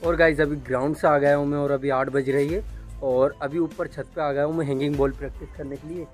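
A young man casually narrating his day into a phone held at arm's length, his voice sitting a little high for a man. Faint music plays under his talk. He is recording outdoors, among fields and streets. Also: fairly even intonation, fairly quick. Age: young adult. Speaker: vlogger. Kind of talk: casual daily-life vlog narration.

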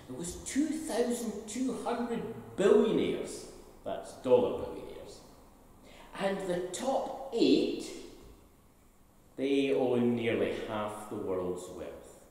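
An older Scottish-accented minister preaches a sermon from the pulpit of a large church, putting rhetorical questions to the congregation. His man's voice is medium-pitched and warm. A stand mic sits at the pulpit, but the camera records from a distance, so the hall sounds echoey and far off.

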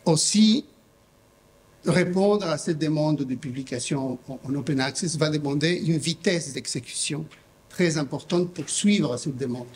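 Speaking off the cuff into a desk mic in a big conference hall, a middle-aged man from Mexico introduces his publishing house, full of fillers and restarts. His voice is somewhat high, darkish in tone, and a little slow.

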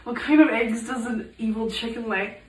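A young woman tells jokes in a casual, skit-like way. Her voice is on the high side. She is picked up from a distance on a phone, with clear noise behind her. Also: moderate pace, reverberant. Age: young adult. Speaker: comedian telling dad jokes. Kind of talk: casual joke-telling skits. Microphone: phone camera a few feet away. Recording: noisy phone video, distant mic.

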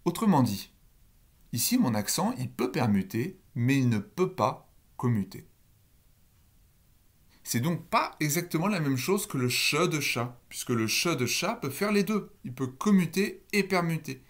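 A man's voice: a little high, sing-song, a little slow. A man giving a recorded university lecture on phonology, explaining step by step and asking the listeners questions.

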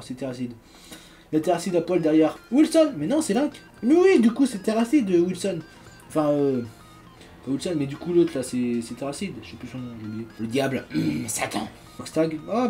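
A man's voice: fairly high pitch, dark tone. A man giving casual, jokey unboxing commentary, reading card captions aloud as he goes. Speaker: YouTuber opening trading cards.

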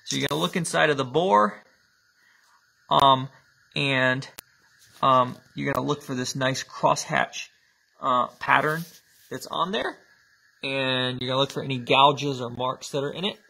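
Male vlogger, casual hands-on tutorial delivery, unhurried and filler-heavy, mid-range pitch. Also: vocal fry, husky, low-quality recording. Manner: relaxed, explains step by step with many ums. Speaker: motorcycle vlogger.

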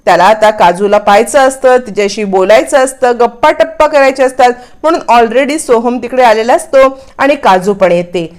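A woman narrates a serial recap in a casual, lively storytelling manner. She moves briskly from scene to scene. Her voice sits somewhat high.

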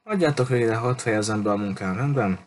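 A man's voice: fairly low pitch, slight background noise, lightly acted. A man voicing a fussy older railway clerk who rambles and grumbles as he remembers. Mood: grumbling.

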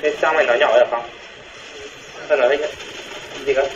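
A man's voice: medium pitch, steady tone, slight background noise. A young man teasing his friend in casual gaming chat. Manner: fast, teasing, dismissive. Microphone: voice chat mic. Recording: echoey, dull lo-fi voice chat.

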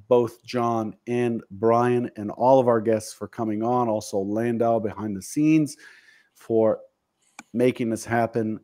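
Dark in tone and low-ish in pitch, this fifties-aged host's voice comes through a studio mic on a video call from his home office. The chat is casual, and he speaks earnestly about his goals with a touch of self-deprecation.

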